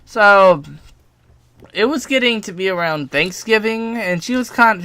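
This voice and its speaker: Speaking with a high-leaning, sharp voice and no room sound at all, this young man recounts a personal story for a storytime video. His delivery is casual and partly read from a script, sprinkled with self-mocking asides and occasional cursing.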